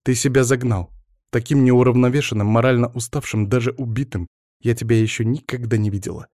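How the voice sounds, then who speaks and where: A man's voice: mid-range voice, fairly even intonation, brisk, a little mellow, no echo, studio quality, natural voice. Man voicing a reproachful estranged wife. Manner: reproachful, probing. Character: sharp-tongued educated young woman, estranged wife. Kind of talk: audiobook reading.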